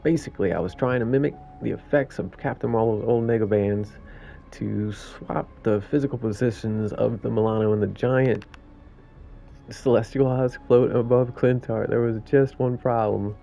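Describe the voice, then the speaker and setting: A man's voice: mid-range voice, fairly even intonation, moderate pace, creaky, warm tone, lightly acted. A man reading the lines of a sarcastic male raccoon mechanic in a game, with a weak put-on New York accent. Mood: wry. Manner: reading game dialogue aloud. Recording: muffled lo-fi audio, faint game music.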